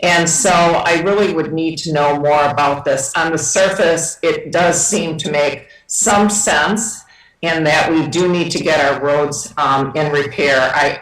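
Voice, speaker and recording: A woman trustee candidate answering carefully at a forum, pausing often with ums. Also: deep voice, steady tone. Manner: careful, hesitant with many ums. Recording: echoey hall, mic from far off.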